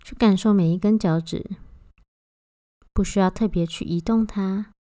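A woman guiding a body-scan meditation, giving gentle, unhurried instructions with long pauses between phrases. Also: mid-range voice, fairly even intonation, dry recording, clean studio sound. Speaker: meditation guide.

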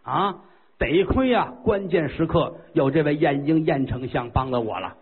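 A man's voice: on the high side, animated, normal speed, breathy edge. A man voicing an anxious, cunning newly crowned king in a told story. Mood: fretting. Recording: tinny phone-like sound.

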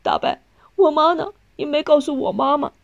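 A woman's voice: high-pitched, normal speed, gravelly, muffled recording, pitched above the performer's own voice. A woman voicing a remorseful young male offender who pleads tearfully with his family.

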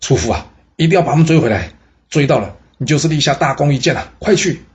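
A man voicing a hot-tempered male general who scolds loudly and indignantly. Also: fairly high pitch, expressive, quick pace, highs cut off, natural voice. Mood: urgent.

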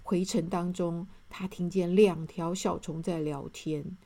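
A woman reading a children's storybook aloud, speaking gently and addressing young listeners directly. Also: fairly low pitch, fairly even intonation, unhurried.

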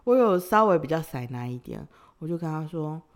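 A young podcast host shares a personal story in a casual, teasing manner, often breaking into giggles. Her voice is a little low but swings across a very wide range, and she's animated and slightly fast.

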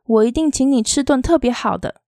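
A timid, earnest teenage village boy, read by a woman. The voice is mellow and warm and the sound is dry and close, with a soft, lilting delivery. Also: high voice, fairly quick, no echo, pitched above the performer's own voice. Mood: earnest, anxious.

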